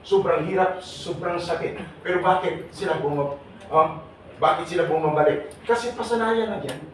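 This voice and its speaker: A man runs a lively seminar in a big, echoing hall, and his voice comes from far across the room with steady noise behind it. He teases the audience and keeps calling on people to answer his questions. His voice sits a little high for a man. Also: normal speed. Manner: teasing, jokey, calls on audience members. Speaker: seminar speaker for overseas workers. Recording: echoey hall, voice from far off, noisy.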